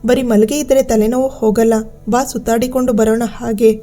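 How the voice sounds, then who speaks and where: Woman doing a possessed young woman, vengeful spirit, harsh gritted-teeth voice, fairly high, mellow tone, storybook. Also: steady tone, brisk, faint music behind, close to an everyday voice. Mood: casual.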